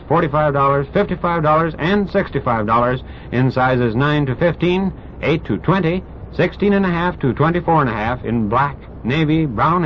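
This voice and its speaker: A male radio station announcer reading a commercial in a brisk, upbeat sales delivery, heard as an old radio broadcast. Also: a little high. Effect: old radio broadcast sound. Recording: dull lo-fi old radio recording with faint hiss.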